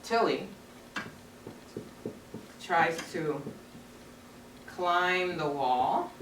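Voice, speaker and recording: A woman elementary teacher speaks very slowly and expressively to young children during a read-aloud lesson, keeping her phrases simple and instructive. Her voice is on the low side with a fairly bright tone. A camera far across the carpeted, child-filled room captures roomy sound with background noise.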